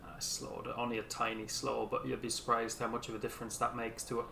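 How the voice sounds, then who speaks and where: A man's voice: medium pitch, monotone, fast talker, creaky, bright, forceful tone, slight background noise. A man casually commentating on his own gameplay, understated and muttering to himself, with occasional swearing. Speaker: video game player commentating. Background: golf game audio.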